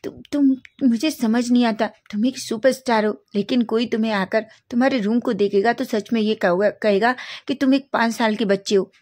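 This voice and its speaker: Brief: fond middle-aged mom, gently scolding and teasing, played by a woman reading a story. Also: fairly high pitch, steady tone, normal speed, hardly any pauses, natural voice.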